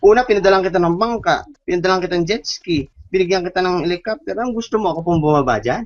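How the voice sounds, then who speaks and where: A man's voice: high-pitched, expressive, quick pace, dry recording, muffled recording. A man voicing God, who scolds a stubborn man in an exasperated way. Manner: exasperated, talks down.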